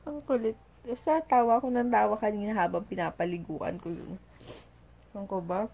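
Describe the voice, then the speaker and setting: A woman's voice: mid-range voice, steady tone, unhurried, gravelly, long pauses, warm tone, slightly rough, dull audio. A mother chatting casually in a home vlog, telling a story in a giggly, talkative way while doing chores. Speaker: vlogger and mother.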